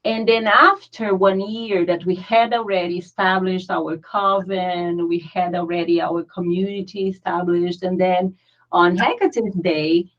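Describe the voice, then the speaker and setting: Her voice is fairly low and fairly even in intonation, and she speaks a little slowly. She's the Brazilian founder of a pagan community, a guest in a casual interview who comes across earnest and talkative, at times hunting for words, with a Brazilian Portuguese accent and dull lo-fi sound.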